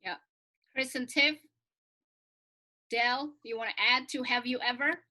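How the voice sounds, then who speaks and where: A woman's voice: fairly high pitch, fairly even intonation, measured pace, bright, forceful tone. A woman hosting a group discussion over a video call, upbeat and prompting others to join in. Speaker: forum host.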